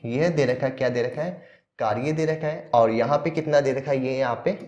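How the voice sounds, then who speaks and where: A man's voice: medium pitch, normal speed, a little mellow, muffled recording. Male maths tutor for exam prep, walks through each step, asks and answers his own questions, mid-range voice. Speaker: maths teacher.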